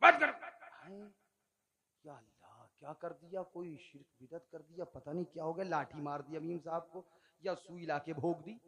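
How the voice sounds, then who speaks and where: A male preacher delivering a sermon, telling a story with heavy repetition, leading the crowd in call-and-response and building up to shouting. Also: fairly high pitch, moderate pace.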